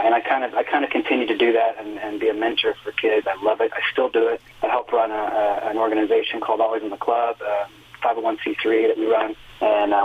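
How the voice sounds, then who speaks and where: Over a tinny telephone line, a lowish, husky male voice comes through. The speaker is a singer and music teacher in his fifties, relaxed in a phone interview and spinning long, earnest stories full of fillers.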